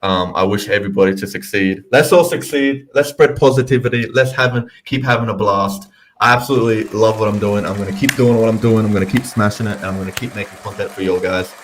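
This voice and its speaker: A man's voice: lowish voice, quick pace, slight background noise, low-quality recording. A young man with an Australian accent, chatting casually and upbeat as a guest on a livestream. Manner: upbeat, chatty, laughs often. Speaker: guest content creator.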